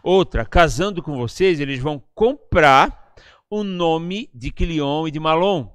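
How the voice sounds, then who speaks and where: Smooth-voiced Brazilian preacher, chatty. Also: male voice, on the high side, unhurried, no echo, studio quality. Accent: Brazilian Portuguese. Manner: chatty, tags lines with questions to the listeners. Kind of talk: conversational sermon teaching. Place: church service, live-streamed.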